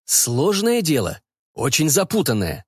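Defensive, mumbling young detective read by a man in his own voice; lively delivery, dry close sound. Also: a little high, unhurried, breathy edge, no room sound, voice pushed up, heavily acted. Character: flustered young male detective, evasive son.

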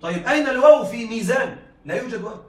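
High-voiced male teacher in echoey room. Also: lively intonation, racing, far from the mic, slight background noise. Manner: explains step by step, checks with students often. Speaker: teacher of Arabic rhetoric. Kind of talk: classroom lecture. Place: classroom.

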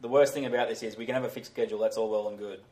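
A man's voice: lowish voice, steady tone, rapid-fire, darkish tone, rough recording. A man co-hosting a sports podcast, arguing his point emphatically in casual chat. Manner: emphatic, argumentative.

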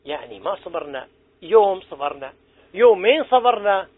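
A man's voice: sits high, expressive, moderate pace. A middle-aged man, giving a religious lesson to young people in an earnest, exhorting way and putting questions to his listeners. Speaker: preacher teaching young people. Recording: tinny phone-like recording.

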